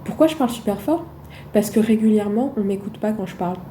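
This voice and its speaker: A loud-spoken woman talking casually to her phone camera in a vlog, with emphatic rhetorical questions and frequent hesitations. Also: medium pitch, lively intonation, quick pace, a little hiss or hum. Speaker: vlogger.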